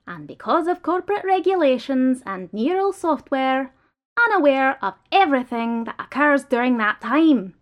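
A woman's voice: sits high, very animated, moderate pace, voice pushed up. Lady reading out an upset worker guy, pushy and pleading, voice jumping all over. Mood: incredulous. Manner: pleading, raised and insistent. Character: male worker, indignant and defiant. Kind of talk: audiobook character reading.

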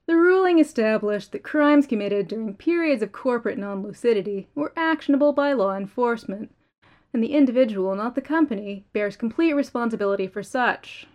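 A woman reading the lines of a male corporate lawyer in an audiobook, formal and deliberate. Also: fairly high pitch, animated, darkish tone, lo-fi sound, natural voice. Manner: formal, deliberate legal phrasing.

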